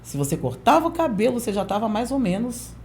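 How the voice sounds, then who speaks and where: A woman pastor in her forties, a podcast guest telling a lively testimony and acting out the voices of people in it. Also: fairly high pitch, quick pace, slight background noise. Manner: lively storyteller who acts out quoted voices. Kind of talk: storytelling testimony in a podcast interview.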